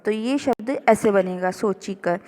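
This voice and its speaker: A woman teacher explaining a revision lesson slowly and carefully, word by word. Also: mid-range voice, dark tone, in a large hall. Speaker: school teacher. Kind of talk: recorded classroom revision lesson.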